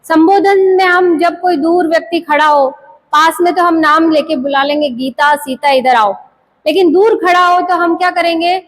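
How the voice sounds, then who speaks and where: A woman teaching Sanskrit grammar in a classroom lecture. She asks questions and answers them herself, slowly repeating the key terms. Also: very high-pitched, fairly even intonation, rough recording.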